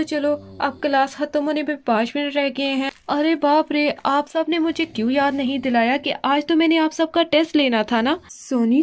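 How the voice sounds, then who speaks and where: A woman's voice: high voice, darkish tone, lightly acted. A woman voicing a strict female schoolteacher doll in a doll play story, bossy and hurrying the class along.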